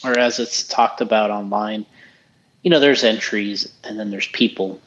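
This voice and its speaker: His voice is lowish and a bit bright, delivered at normal speed through a muffled recording. He's a podcast co-host giving relaxed commentary on an RC race, wandering from point to point and starting over a lot.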